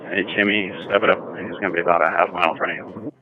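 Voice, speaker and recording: A man's voice: low voice, fairly even intonation, rapid-fire, soft background music. A police officer speaking over a police radio transmission, clipped and urgent as he directs another unit during a pursuit. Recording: tinny police radio audio.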